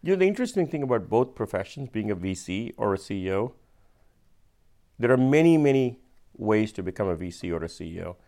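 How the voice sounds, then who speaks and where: Warm and sing-song, the low-leaning voice belongs to a patient venture capitalist with an Indian accent. Chatting casually, he gives measured explanations and sometimes slows down to stress a point.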